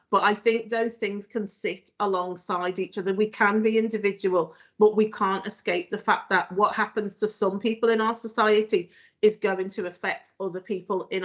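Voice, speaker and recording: Woman trainer with a Liverpool accent, earnest and conversational, mid pitch. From Northwest England. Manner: earnest, conversational with frequent ums. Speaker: anti-racism trainer. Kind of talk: online training talk.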